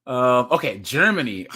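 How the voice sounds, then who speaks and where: A man's voice: mid-range voice, bright, forceful tone, breathy edge. A young man giving casual reaction commentary as a streamer, chatty, laughing often and restarting his words as he reads.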